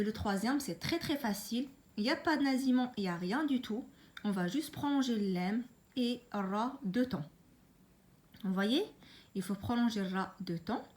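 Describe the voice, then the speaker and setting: Patiently teaching a Quran reading lesson, a woman explains and slowly repeats letters for her learners, then chants them more loudly. Her voice is mid-range, and there's slight background noise.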